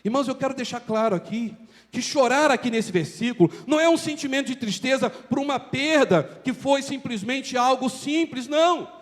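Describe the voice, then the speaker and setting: A man's voice: very high voice, lively intonation, moderate pace. Pastor guy preaching hard, lots of questions to the crowd, echo trailing off in a big church. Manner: emphatic preaching with rhetorical questions. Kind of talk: sermon. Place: church sanctuary. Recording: long church reverb.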